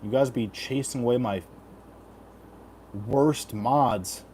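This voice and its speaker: A man's voice: medium pitch, slow pace, darkish tone, slight background noise. A man hosting a casual livestream, talking in crude, profane frat-bro slang as he banters with chat. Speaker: livestream host giving fight predictions.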